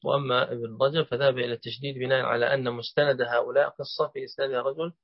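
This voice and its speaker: A man's voice: mid-range voice, flat delivery, very fast, no echo. A man teaching a hadith collection, quizzing his student and then explaining each point at length. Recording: dull lo-fi recording.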